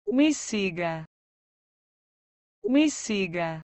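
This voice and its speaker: A woman's voice: medium pitch, big pitch swings, very slow, darkish tone, dry recording. A woman reading short phrases for a language lesson, saying each one twice with careful pronunciation. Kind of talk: slow repeated phrase reading.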